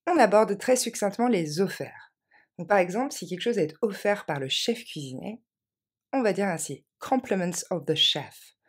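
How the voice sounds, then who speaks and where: A woman teaching English phrases to French speakers, repeating each one slowly and then quickly. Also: medium pitch, expressive, husky. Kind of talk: language lesson with repeated model phrases.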